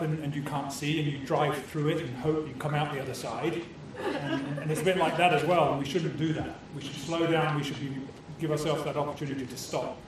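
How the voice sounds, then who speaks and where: Before a live audience in a meeting room, the host opens the club's evening with a jokey address and a safety talk. He's a new Canadian citizen whose voice runs on the high side, and he comes across cheerful, self-deprecating, and full of banter. Echo, noise, and a far-off mic mark the recording.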